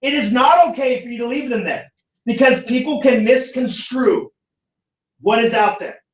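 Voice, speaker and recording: Brief: high-pitched American man lecturing a class, lively and theatrical, caught from far off in an echoey classroom. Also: moderate pace. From United States. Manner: animated, acts out quoted voices. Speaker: teacher.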